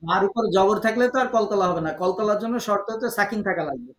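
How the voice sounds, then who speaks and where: A man's voice: sits high, fast talker, a bit bright, echoey room, poor audio. A man with a Bangladeshi Bengali accent teaching an online recitation class, patiently quizzing and correcting students over a video call. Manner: patient, encouraging, correcting pronunciation.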